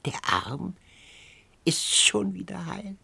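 A man voicing a cackling ancient beggar woman with a hoarse, lisping, whispery voice in an audiobook. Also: sits high, lively intonation, pushed and bright, no room sound, voice pushed up, full character voice. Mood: wheedling. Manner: drawn-out coaxing, cackles. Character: cackling ancient female beggar, wheedling, uncanny. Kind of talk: audiobook character voice.

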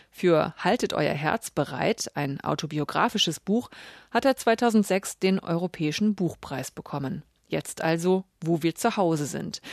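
Low-voiced woman radio presenter. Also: no echo, studio quality. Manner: clear, scripted announcing. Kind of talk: radio culture segment moderation.

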